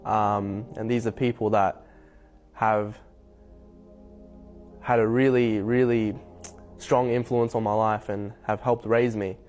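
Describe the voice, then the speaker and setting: A young man from Hong Kong telling his personal story to camera, reflective and unhurried, with frequent ums. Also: lowish voice, little pitch movement, a little mellow. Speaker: convert sharing his story. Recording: faint music bed behind voice.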